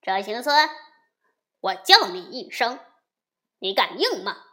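A woman voicing a cocky younger male demon king, loud and taunting in a storybook reading. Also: a little high, lively intonation, moderate pace.

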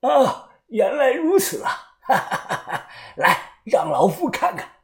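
A woman voicing a crazed old male kung fu master in an audiobook, with giggling, sing-song speech and slow, drawn-out chanting. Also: on the high side, very animated, vocal fry, pitched above the performer's own voice, full character voice. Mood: gleeful. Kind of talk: storytelling audiobook.

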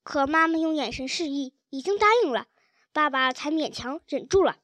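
A woman narrating a children's storybook chapter with a gentle, expressive reading. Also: sits high, normal speed, no echo. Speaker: audiobook narrator.

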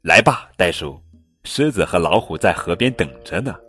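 Elmer, a man doing a calm kindly elephant. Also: sits low, normal speed, husky, dry recording, soft background music, full character voice. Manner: calm, gentle and even.

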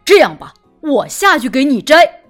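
Woman voicing a bossy cartoon tiger, drawling, lowered but lively pitch, soft music behind. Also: moderate pace. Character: big bossy male tiger.

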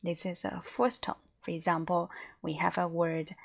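A woman's voice: on the low side, little pitch movement, normal speed, gravelly. A woman teaching Mandarin tones in a language lesson, speaking carefully and demonstrating each sound.

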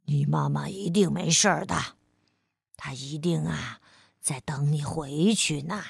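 Storybook tyrannosaurus: gruff big male dino turned gentle, drawling low and raspy, read by a woman. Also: no room sound, clean studio sound, full character voice. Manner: slow, hesitant with ums and pauses. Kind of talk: children's storybook reading.

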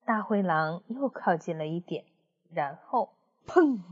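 Woman, children's storyteller, lively rising and falling voice, muffled lo-fi recording. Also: fairly low pitch, unhurried, husky. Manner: expressive.

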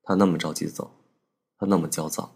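A man narrating a personal story as a podcast host, in a calm, measured and wistful manner. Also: sits low, creaky, breathy edge.

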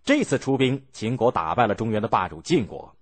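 A man narrating a historical story, animated and acting out the characters' lines as he goes. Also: medium pitch, a little fast.

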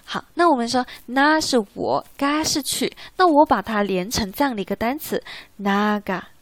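Woman language teacher, slightly high voice, patient explainer, dry close sound. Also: animated, normal speed, no echo. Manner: patient, asks the listener rhetorical check questions. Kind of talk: classroom-style explanation.

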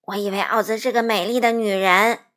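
A woman's voice: medium pitch, fairly even intonation, a little fast, a bit bright, natural voice. A woman voicing a sad, tearful male scarecrow who wails in sorrow. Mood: sorrowful. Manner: wailing, sorrowful.

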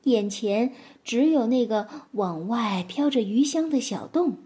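Animated woman narrating a children's story. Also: fairly high pitch, unhurried, husky. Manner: expressive, animated.

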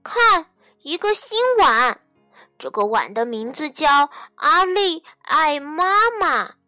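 A woman's voice: high-pitched, animated, slow, sharp tone, no room sound, studio quality, faint music behind, heavily acted. A woman voicing an eager, anxious little girl in a bedtime storybook, asking pleading questions in a childlike way. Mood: excited.

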